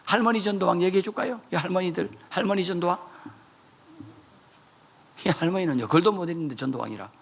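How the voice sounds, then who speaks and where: A man preaching a revival sermon in a church, telling stories with sudden shouted high bursts. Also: fairly quick, vocal fry, long pauses, husky. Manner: animated storytelling, jumping to shouted high bursts. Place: church sanctuary.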